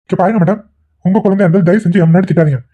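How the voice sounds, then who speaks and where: A man voicing a gentle young man in a cartoon who pleads earnestly and gets flustered. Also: sits high, rapid-fire. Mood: stern. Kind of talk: cartoon voice acting. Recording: tinny phone-like recording.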